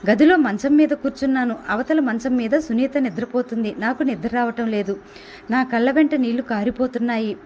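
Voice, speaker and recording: Female audiobook narrator, higher pitch, expressive first-person reading, dull recording with faint hiss. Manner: expressive reading, voicing dialogue. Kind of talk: novel reading.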